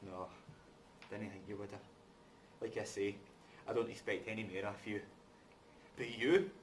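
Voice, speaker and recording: A man's voice: fairly low pitch, steady tone, moderate pace, natural voice. An actor in a stage reading playing a wronged, bitter working-class man who speaks with scornful, colloquial bluntness. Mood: bitter, accusing. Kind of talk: rehearsed stage reading of a drama. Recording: distant mic, background noise.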